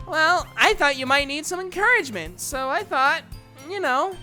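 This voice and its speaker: A woman voicing a bubbly, airheaded high-school girl, cheerful and pleading, in a visual novel fan dub. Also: expressive, moderate pace, pushed and bright, soft background music. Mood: teasing.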